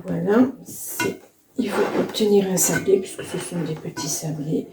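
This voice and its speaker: A hoarse woman talks her way through a home cooking demo, stopping and restarting as she works. Her voice has a gravelly catch, and the kitchen sounds echoey. Loud clatter of dishes and pans runs behind her. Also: lowish voice, normal speed, background noise. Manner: chatty, many fillers and restarts while working. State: hoarse, voice cracking. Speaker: vlogger. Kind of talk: casual cooking demonstration.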